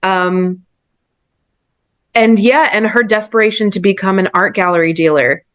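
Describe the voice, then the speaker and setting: A woman's voice: mid-range voice, unhurried, fairly bright tone, no room sound. A woman, a podcast guest chatting casually and laughing often. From New Jersey and New York area. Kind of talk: casual chat.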